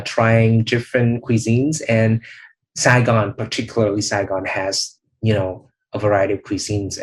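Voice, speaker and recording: A young man with a fairly low voice, speaking over a video call. He answers in a relaxed, reflective way and pauses often to gather his thoughts. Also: poor audio. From Vietnam. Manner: thoughtful, many "um" and "you know" pauses. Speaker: channel host, interviewee. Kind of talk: speaking test practice answers.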